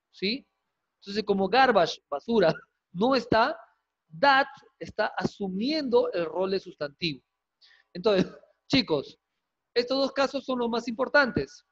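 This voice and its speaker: A man teaching an English class online, lively and coaxing, quizzing students with quick questions and jokes. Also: high-pitched. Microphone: video call. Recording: dull lo-fi video call audio.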